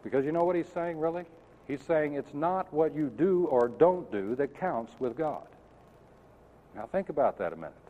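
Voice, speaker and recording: A man's voice: on the high side, expressive, normal speed. A man preaching a sermon, teaching earnestly and emphatically and asking his listeners questions. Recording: tinny lo-fi sound in a reverberant hall.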